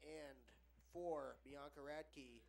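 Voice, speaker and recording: High-voiced young male color commentator. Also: gravelly, a little mellow. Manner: reads stats slowly with pauses, casual opinions. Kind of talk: local sports broadcast commentary. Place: school gymnasium broadcast table.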